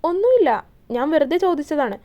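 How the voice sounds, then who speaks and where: A woman voicing a young husband in a romance audio story, speaking slowly and reassuringly. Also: high voice, very animated, warm tone. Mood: scornful. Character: young husband, calm and caring, scornful to enemies.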